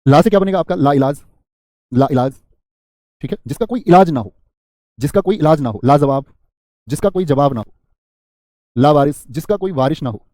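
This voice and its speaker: A man's voice: a little high, dark tone, dry recording, clean studio sound. A man teaching an exam-prep grammar class live, repeating word lists, quizzing students and answering their chat comments with small jokes.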